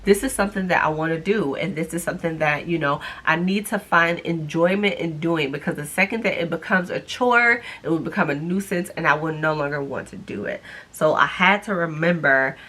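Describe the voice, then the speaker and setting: A woman's voice: deep voice, a little fast, few pauses, sharp tone. A young adult woman chatting to camera in a casual vlog update, upbeat and encouraging, with a stuffy nose. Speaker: vlogger.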